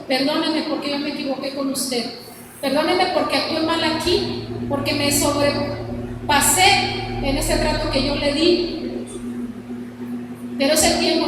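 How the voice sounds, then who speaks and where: A middle-aged woman preaches an earnest sermon in a high voice. Her words ring through a very echoey church hall, picked up from far off with clear background noise. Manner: earnest, exhorting, addresses congregation as "mis hermanos".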